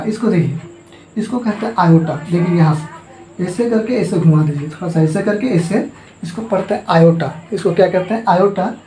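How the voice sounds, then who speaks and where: Teacher, male, high mellow voice, quizzes the class and answers himself, ends points with a rising "thik hai", echoey room with faint noise. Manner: asks the class questions and answers them himself. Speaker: math teacher. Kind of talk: blackboard math lesson.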